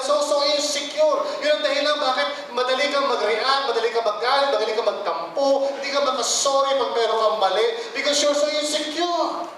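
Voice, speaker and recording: High-voiced Filipino pastor in echoing church. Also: male voice, bright, forceful tone, a little hiss or hum. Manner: switches between English and Filipino, acts out quoted voices. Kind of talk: sermon. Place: church hall. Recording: very echoey hall, mic far off.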